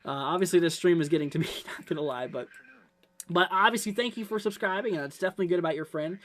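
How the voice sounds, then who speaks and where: A man's voice: high-pitched, fast talker, a bit bright. A man hosting a live severe weather stream, explaining things in a rambling, repetitive way as he answers his viewers. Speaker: weather livestream host. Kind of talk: live severe weather commentary, reading chat.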